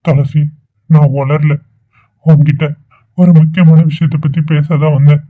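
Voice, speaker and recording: A man's voice: a little high, flat delivery, a little slow, close to an everyday voice. A man voicing a desperate, lovesick young man in a dubbed cartoon, who pleads insistently. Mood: pleading. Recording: tinny phone-like recording.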